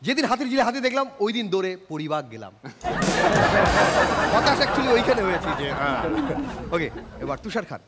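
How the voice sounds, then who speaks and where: A man's voice: high-pitched, very animated, moderate pace, pauses often, a loud crowd, very noisy. A man with a Bangladeshi accent hosting a comedy show on stage, chatting with guests and audience. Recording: echoing hall, loud music.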